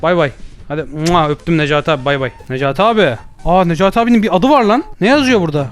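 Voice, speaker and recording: A young man giving jokey, excitable gameplay commentary with loud comic outbursts. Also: on the high side, quick pace. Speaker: gaming YouTuber. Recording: faint background music.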